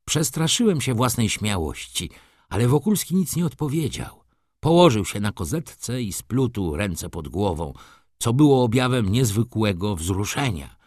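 Low, expressive male audiobook narrator. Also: unhurried, no echo, clean studio sound. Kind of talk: first-person novel narration.

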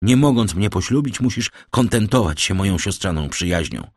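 A man's voice: deep voice, animated, moderate pace, slightly rough, no room sound, studio quality. A man voicing a poor young village woman, firm and earnest as she turns down a suitor. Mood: passionate.

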